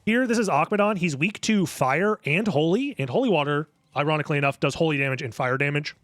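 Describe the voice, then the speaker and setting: Male speedrunner, slightly high voice, casual analytical walkthrough style, dry room, faint music underneath. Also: fast, fairly bright tone, dry recording. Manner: analytical, step-by-step explaining. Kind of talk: casual explanatory speedrun commentary.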